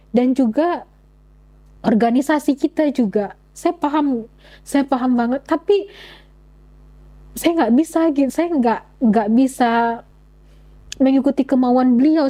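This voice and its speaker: A woman's voice: high-pitched, warm tone, low-quality recording. A young woman telling her personal story in an interview, speaking earnestly with frequent halts and restarts. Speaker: interview guest.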